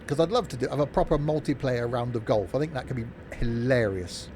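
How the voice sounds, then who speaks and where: This chatty male streamer plays a train simulator, giving casual live commentary and replying to chat with informal, jokey asides. He talks fairly quickly in a slightly mellow voice. Constant background noise and vehicle rumble are clear behind his streaming microphone, routed through a mixing desk.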